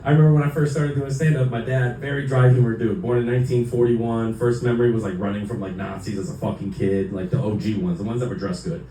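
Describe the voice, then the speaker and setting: A man's voice: medium pitch, steady tone, quick pace, hardly any pauses, warm tone, a little hiss or hum. A young man performing a stand-up set in a club, loose and rambling, swearing freely and leaning on fillers. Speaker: stand-up comedian. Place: comedy club, indoors. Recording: echoey club from far off.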